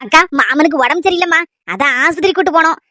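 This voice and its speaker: Someone voicing a high, chirpy old grandmother. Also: quick pace, bright, forceful tone, no room sound, clean studio sound. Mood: fond. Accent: Kanyakumari Tamil. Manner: affectionate, rambling, teasing. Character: fond, chatty old village grandmother. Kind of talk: cartoon dialogue.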